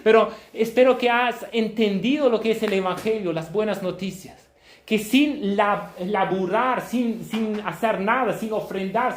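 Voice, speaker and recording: A man preaching a sermon, emphatic and half shouting, often checking in with listeners. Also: high-pitched. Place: church hall. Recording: echoey church room.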